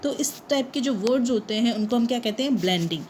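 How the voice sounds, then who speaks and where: A woman teaching a grammar lesson. Her voice sits a little high, and she keeps asking questions and then answering them. A faint hiss runs under the recording. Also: expressive, a little mellow, rough recording. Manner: asks the class questions and answers them herself, switches between Hindi and English; reads English definitions slowly and carefully.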